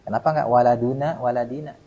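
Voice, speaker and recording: A man's voice: mid-range voice, steady tone, fast talker, mellow, slightly rough, dull audio. A man teaching Arabic grammar at a mosque study session, quizzing students by name and leaving words unfinished for the class to complete. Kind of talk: classroom lecture with call-and-response drilling.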